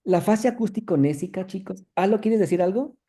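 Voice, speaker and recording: A lecturer talks students through a university lesson, breaking ideas into short phrases. The voice sounds deeply mellow and dark, sitting at an ordinary pitch. Almost every point ends with a quick question to check the class is following. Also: expressive, breathy edge.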